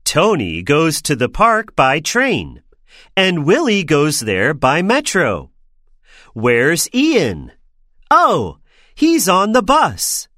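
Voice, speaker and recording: Woman narrator, slow, expressive pitch, dry studio read. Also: no room sound. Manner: clear, measured, expressive. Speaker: narrator of a listening exercise.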